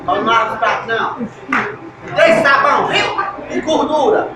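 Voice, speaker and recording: A high-pitched woman plays out a noisy comedy sketch, calling out and bantering in a loud, teasing way. She sounds far from the mic in a very echoey space, with heavy background noise throughout. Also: expressive, normal speed. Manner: loud, bantering, often shouting and laughing. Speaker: comic sketch performer. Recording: echoey, distant, very noisy amateur recording.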